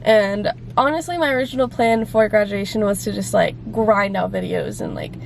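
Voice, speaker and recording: A woman's voice: medium pitch, normal speed, gravelly, noisy background. Congested young woman vlogging casually. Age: 20s. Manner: chatty, rambling, lots of "like". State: congested, phlegmy from a cold. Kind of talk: casual chat to camera. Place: car and around town.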